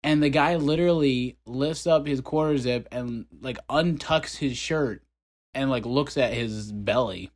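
A man's voice: mid-range voice, unhurried. A young man casually telling a long story on a podcast, acting out the voices of the people in it. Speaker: podcast co-host.

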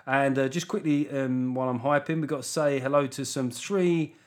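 Sarcastic comedian rambling solo. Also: male voice, mid-range voice, fairly even intonation, moderate pace. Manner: sarcastic, rambling, self-mocking. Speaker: comedian and podcast host. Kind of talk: solo comic podcast monologue.

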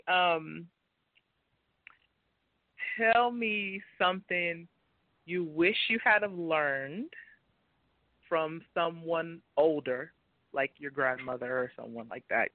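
A man with a fairly high voice hosts a casual conversation, laughing easily and asking questions. The recording is dry and tinny, like a phone call. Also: no room sound.

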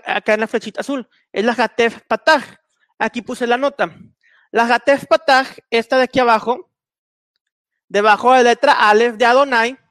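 High-voiced man teaching with slides. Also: a bit bright, no echo. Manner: methodical, with many fillers and restarts. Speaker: Bible teacher. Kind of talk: explaining slides in a recorded lesson.

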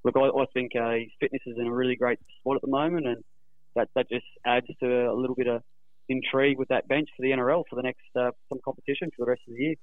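A man's voice: medium pitch, flat delivery, fast, no echo, narrow, tinny audio. An Australian man giving a casual radio interview over the phone, matey and rambling in his phrasing. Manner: rambling, matey, repeats "you know". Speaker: rugby league club guest.

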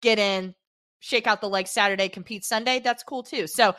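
A woman's voice: mid-range voice, normal speed, fairly bright tone, no echo. A woman co-hosting a running podcast, giving upbeat, chatty analysis and often saying "I feel like.". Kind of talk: casual sports podcast analysis.

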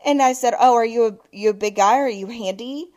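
A woman in her thirties, co-hosting a podcast, tells a story in a fairly quick, high-ish voice. The chat is casual and animated, full of swearing and texts she quotes aloud.

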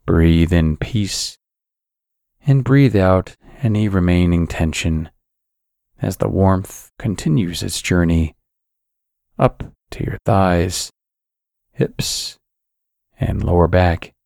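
A man narrating a scripted guided sleep meditation in a calm, soothing, measured sleep-story manner. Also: deep voice, gravelly, dry recording, clean studio sound.

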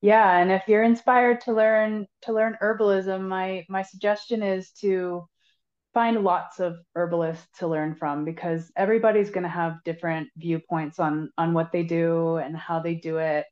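A woman's voice: on the low side, fairly even intonation, normal speed, a little mellow, muffled recording. A woman herbalist guest on a podcast, giving earnest advice and often repeating words as she thinks. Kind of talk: casual podcast interview.

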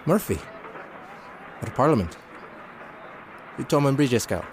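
An actor playing an old retired field agent of the sea, gruff and folksy with old-fashioned phrasing, in an audio drama. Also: male voice, medium pitch, very animated, normal speed, natural voice. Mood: warm, reminiscing. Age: older. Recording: clear outdoor dockside noise behind.

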